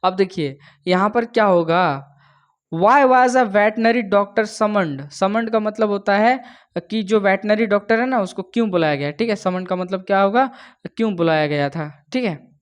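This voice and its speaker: A man's voice: high-pitched, animated, normal speed, clean tone. A male teacher walking students through exam questions, mixing Hindi and English and checking in after nearly every line. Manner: chatty, keeps checking "ठीक है", "है ना". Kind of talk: exam-prep lesson in Hindi-English mix.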